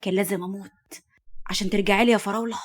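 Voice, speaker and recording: A woman voicing a scheming, possessive man who talks to his beloved in a low, hushed Egyptian Arabic voice. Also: steady tone, very fast, natural voice. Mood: tender.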